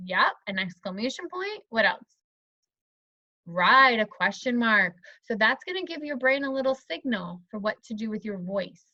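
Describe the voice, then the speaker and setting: A woman teacher demonstrating a phonics lesson to an imagined student, encouraging and modeling words slowly. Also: medium pitch, bright, forceful tone, dry recording. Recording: slightly dull, dry recording.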